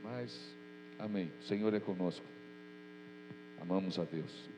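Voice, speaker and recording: This pastor's deep voice moves a little slowly as he prays and preaches, earnest and informal despite a cold that leaves him nasal and stuffed up. The setting is a church hall with echo and a mains hum.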